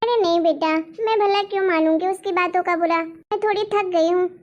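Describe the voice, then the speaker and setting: A woman playing a gentle tired grandmother. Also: very high voice, steady tone, brisk, dull audio. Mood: resigned. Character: elderly grandmother, gentle and long-suffering. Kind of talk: comic family skit acting.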